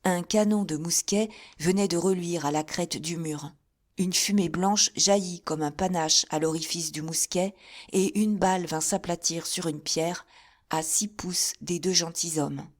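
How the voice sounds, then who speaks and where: A woman narrating a classic novel as an audiobook in a measured, deliberate way. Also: on the low side. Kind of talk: scripted narration.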